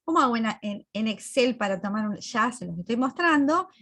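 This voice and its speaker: Woman teacher, on a computer mic, fairly high voice, explains patiently and keeps asking if the class follows. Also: expressive, brisk, fairly bright tone. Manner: explains step by step, checks in with students. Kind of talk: recorded class walkthrough.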